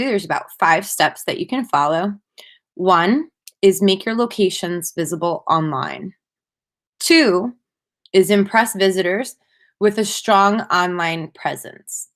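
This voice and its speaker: With a mid-range voice, this conference speaker delivers her prepared marketing presentation. She keeps it measured and scripted-sounding, stressing key phrases emphatically.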